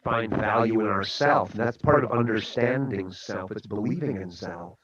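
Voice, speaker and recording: A man's voice: on the low side, normal speed, fairly bright tone, lo-fi sound. A man who is a guest speaker on a radio talk show, telling a story and giving a motivational talk in an earnest way.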